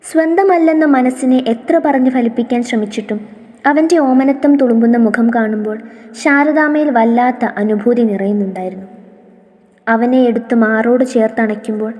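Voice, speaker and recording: A woman's voice: a little high, dark tone. Woman narrating a story in a long-reverb room. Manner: reads all characters' lines herself with small shifts in tone.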